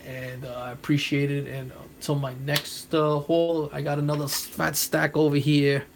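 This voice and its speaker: A man's voice: fairly high pitch, little pitch movement, moderate pace, gravelly, a little hiss or hum. A man with a New York accent chatting casually to his viewers about his comic book haul, rambling, repeating himself and thanking people by name. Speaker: comic book collector vlogger. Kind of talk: casual vlog chat to viewers.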